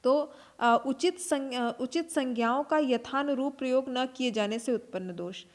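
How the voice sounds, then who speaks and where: Woman teacher, slightly high voice, patient step-by-step lecturing style. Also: normal speed. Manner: explains step by step, repeats terms, frequent "ठीक है" and fillers. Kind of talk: classroom lecture.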